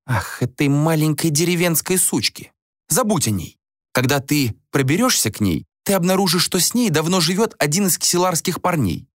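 A shrill, spiteful woman in a storybook reading, pitched far above the reader's own voice and swinging wildly as she scolds, done by a man. The sound is close and dry, with no room around it. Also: very animated, moderate pace, no echo. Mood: scornful. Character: quarrelsome scheming woman, loud and spiteful.

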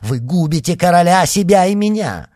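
A man's voice: sits high, big pitch swings, normal speed, darkish tone, no echo, clean studio sound, pitched above the performer's own voice. A man voicing a cowardly, scheming cardinal who speaks in a fretful, pleading way. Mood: panicked.

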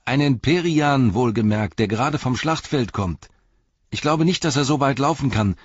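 A man reading aloud and voicing an eager, worried young male hobbit in a higher, quicker voice. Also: animated, husky, no room sound, muffled recording. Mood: lively. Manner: quick, raised and anxious.

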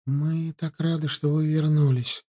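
Нежная молодая девушка в исполнении мужчины. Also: male voice, on the high side, level tone, measured pace. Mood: earnest. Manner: soft, earnest. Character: gentle young woman.

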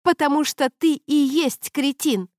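A woman reading an audiobook, voicing a distraught young woman friend who shouts in a high, strained voice. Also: a little slow, no echo, studio quality. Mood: furious.

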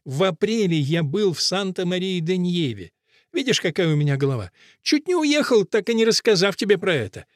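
A man reading an audiobook, voicing a weary, patient old man who mutters and tries to calm his friend. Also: high voice, fairly quick, no room sound, clean studio sound, pitched above the performer's own voice. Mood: storytelling. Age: older. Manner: muttering, calming.

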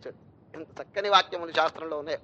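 A man's voice: fairly high pitch, very fast, bright, forceful tone, highs cut off. A male swami giving a storytelling sermon, asking rhetorical questions and chanting verses. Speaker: swami giving religious discourse.

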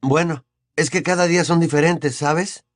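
A man's voice: a little high, fairly even intonation, moderate pace, dry recording, clean studio sound, pitched above the performer's own voice, lightly acted. A man voicing a sullen, defiant teenage boy wizard in an audiobook, cold and resigned. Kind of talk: audiobook character voice.

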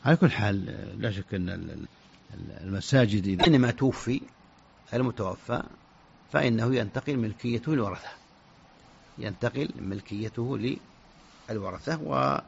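A man giving religious rulings on a radio show, halting and often repeating words as he searches for the next one, on a dull lo-fi recording. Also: on the low side, animated, creaky, slight background noise. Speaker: scholar answering religious questions. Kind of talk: radio fatwa answers.

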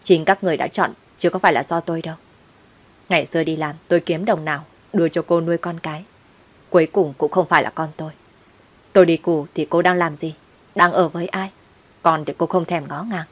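A woman's voice: deep voice, fairly even intonation, fairly quick. A woman voicing a bitter, blunt man who is out of prison and speaks with scorn. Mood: scornful. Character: bitter man out of prison, sharp-tongued father.

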